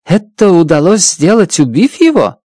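A male narrator voicing a brisk, sardonic woman official in an audiobook, with dry teasing and impatient questions. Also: fairly low pitch, big pitch swings, dark tone, no room sound, pitched above the performer's own voice. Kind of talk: audiobook character voice.

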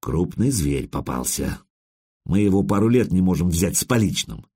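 A man voicing a terse, seasoned male hunter of looters in a hushed, clipped whisper, in an audiobook. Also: low-pitched, brisk, breathy edge.

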